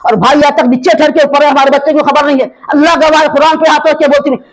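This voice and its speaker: A woman's voice: sits high, fairly even intonation, fast talker, rough recording. An older woman with a Hyderabadi Urdu accent, tearfully making an impassioned, repetitive plea to a news reporter. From Hyderabad, India. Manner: emotional, repetitive and pleading. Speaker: complainant speaking to a news reporter. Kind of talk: impassioned pleading statement.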